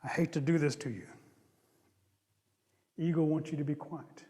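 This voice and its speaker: Hushed menacing panther in a told animal story, voiced by a male storyteller; soft low voice, hall reverb. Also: fairly even intonation, normal speed, close to an everyday voice. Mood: hushed menace.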